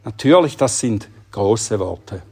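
A man preaching a sermon in an earnest, emphatic way, often dropping to a hushed tone to stress a point. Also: on the low side, animated, slow, creaky, breathy edge. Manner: earnest, emphatic delivery with dramatic drops to a hush.

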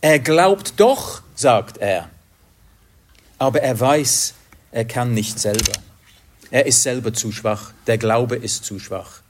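Guy preaching, slow careful sermon, bit breathy, mid pitch. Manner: slow, earnest, searching for words at times.

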